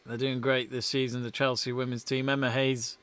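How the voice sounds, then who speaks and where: A man's voice: mid-range voice, flat delivery, a little fast, a bit bright, clear, resonant tone. A young man hosting a live football watch-along stream, chatting casually, reading out viewer messages and calling the play as it happens.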